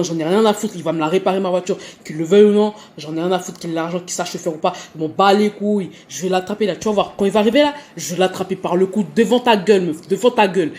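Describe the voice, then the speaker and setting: A woman voicing an aggressive young man who threatens loudly in heavy slang. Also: fairly low pitch, natural voice. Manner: slangy, menacing, shouting.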